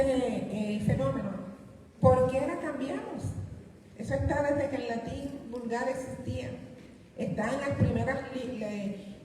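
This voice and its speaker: A woman's voice: on the high side, dark tone, slight background noise. A middle-aged woman giving a university lecture on linguistics, explaining points and answering her own rhetorical questions. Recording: echoey hall, distant mic, faint room ambience.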